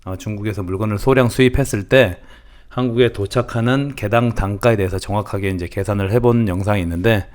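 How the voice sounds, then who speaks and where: A man's voice: on the low side, a little mellow. A middle-aged man with a lilt, teaching import cost calculation in a folksy, casual way that calls himself grandma. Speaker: channel host teaching importing. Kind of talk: casual instructional talk.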